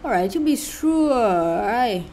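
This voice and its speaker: With a slight hiss or hum in the background, a Vietnamese-accented woman hosting a gaming channel, English being her second language, talks through her play in an animated, high-ish voice with a darkish tone. Her commentary is casual, unhurried and halting, full of sighs and sarcasm.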